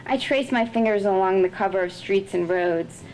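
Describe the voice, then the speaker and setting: A woman author reading her own fiction aloud at a literary festival, measured and expressive. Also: mid-range voice, a little hiss or hum, rough recording.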